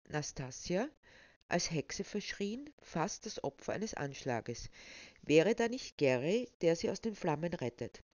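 A woman introduces a novel and reads from it with measured, expressive storytelling. Her voice is low. The recording is dry and a bit dull. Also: no room sound. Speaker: book presenter and reader. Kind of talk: book presentation and reading. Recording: slightly dull, dry sound.

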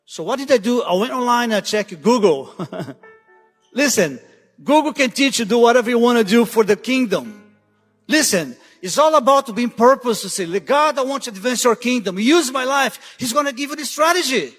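High-voiced guest preacher, hall reverb. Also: male voice, lively intonation, normal speed, a bit bright, faint music behind. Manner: urgent, repeats "listen" to drive points home. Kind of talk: sermon. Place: church sanctuary. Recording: long church hall reverb.

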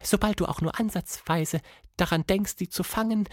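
A man voicing a sad, shivering female monkey in a children's story, speaking softly and gloomily. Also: high-pitched, normal speed, dry recording, studio quality, pitched above the performer's own voice. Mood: sad, hushed. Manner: soft, hushed and gloomy.

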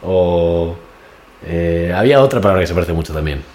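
Deep-voiced, lively Spanish man. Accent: Spain Spanish. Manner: playful, quick to laugh. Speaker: podcast co-host. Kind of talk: casual banter.

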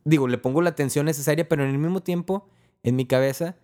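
A man giving a casual spiritual talk, speaking in a relaxed, conversational way and acting out small prayers and dialogues. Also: on the high side, fast talker.

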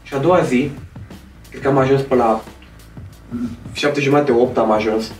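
A man telling a story in a casual podcast chat, in a lively, dramatic way. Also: mid-range voice. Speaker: podcast guest. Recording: roomy echo, distant mic, faint music.

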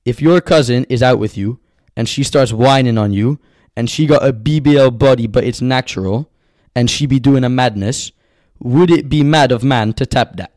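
Male podcast co-host. Blunt, slangy banter, mid-pitched, recorded close and dry. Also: normal speed, hardly any pauses, darkish tone, no echo. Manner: slangy, blunt, repeats phrases for emphasis. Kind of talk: casual banter, reading out anonymous confessions. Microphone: close podcast microphone.

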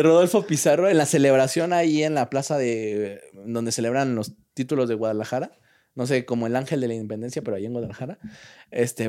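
A man's voice: medium pitch, darkish tone. A young man with a Mexican accent, chatting casually on a podcast, slangy and full of restarts and fillers. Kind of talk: casual chat.

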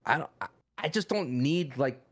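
A man co-hosting a wrestling podcast in casual, animated chat, often restarting his sentences. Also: medium pitch, moderate pace, husky. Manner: animated, jumps into mock voices and restarts. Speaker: podcast co-host.

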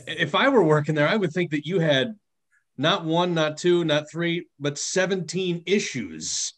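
Dry, teasing man with a higher voice. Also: lively intonation, unhurried, fairly bright tone. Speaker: podcast co-host. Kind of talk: casual chat.

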